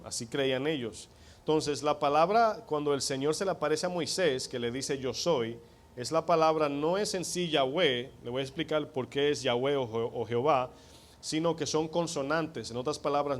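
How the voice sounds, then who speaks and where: A male preacher delivers a teaching sermon at an ordinary pitch for a man. He walks through scripture like a lesson and keeps turning to the congregation with rhetorical questions to check that they follow. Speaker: pastor.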